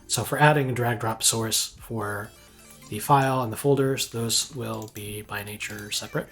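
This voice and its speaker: A man's voice: lowish voice, steady tone, fairly bright tone, faint music behind. Man thinking aloud while coding. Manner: thinks aloud, halting with ums and restarts. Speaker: game engine programmer. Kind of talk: live coding walkthrough.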